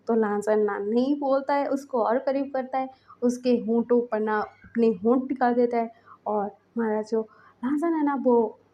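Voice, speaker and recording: A woman's voice: on the high side, warm tone, highs cut off. A woman narrating a fanfiction story in a chatty, casual way with lots of fillers.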